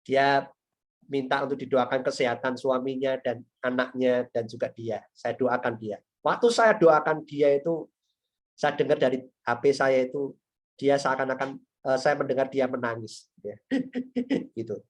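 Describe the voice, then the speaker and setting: A man's voice: mid-range voice, fairly even intonation, normal speed. A young man giving a sermon to students, telling a personal story and addressing his listeners directly. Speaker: evangelist preaching to students.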